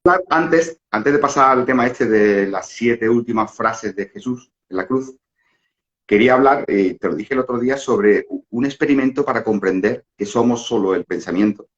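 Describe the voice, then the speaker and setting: A man's voice: medium pitch, normal speed. A middle-aged man giving a casual spiritual talk, rambling with fillers and restarts and frequent rhetorical questions. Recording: dull lo-fi audio.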